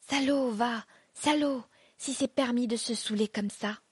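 A coarse, furious old cleaning woman voiced by a woman narrator scolds slowly, in a close, dry recording with no room sound. The voice sits a little high. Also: slightly rough, no echo. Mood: scolding.

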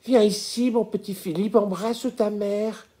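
A man's voice: high voice, steady tone, measured pace, mellow, pitched above the performer's own voice. A man reading an audiobook, voicing a dying old spinster who tenderly calls out to imaginary children in a thin, faraway voice. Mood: tender delirium. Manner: tender, motherly scolding.

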